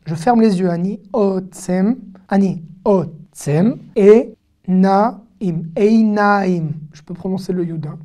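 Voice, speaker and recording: A woman teaching an online language lesson with a mellow, warm tone. She talks at an unhurried, deliberate pace. She patiently breaks each word into syllables and repeats it until it sticks. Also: mid-range voice. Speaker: Hebrew teacher.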